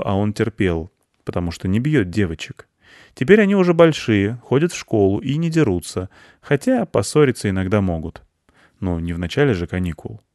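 Male audiobook narrator; low, calm, wry, dry close mic. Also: no room sound. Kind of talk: audiobook narration of a children's story.

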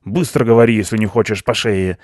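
A man's voice: lowish voice, brisk, dry recording, clean studio sound, pitched above the performer's own voice, natural voice. A man voicing a pushy teenage male mouse who talks brusquely and threateningly.

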